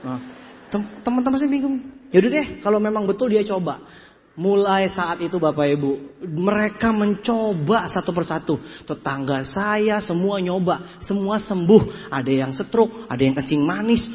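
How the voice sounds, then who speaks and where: A man giving a lively storytelling seminar talk to an audience as a motivational business speaker, animated and mimicking people, repeating words for emphasis. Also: sits high, moderate pace. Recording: echoey hall, muffled lo-fi sound.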